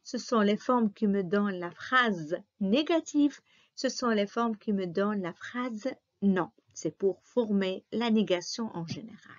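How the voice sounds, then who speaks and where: A woman gives a slow, careful grammar lesson and repeats every example so that young pupils can follow. Her voice sits at a middle pitch. The recording sounds dull and lo-fi. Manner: patient, repeats and spells out examples. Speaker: teacher. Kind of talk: slow classroom grammar review.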